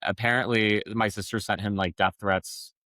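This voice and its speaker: A man's voice: on the low side, steady tone, normal speed, sharp tone, dry recording. A man speaking as a podcast guest, telling a personal story frankly in a rambling way, with many restarts. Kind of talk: personal testimony in an interview.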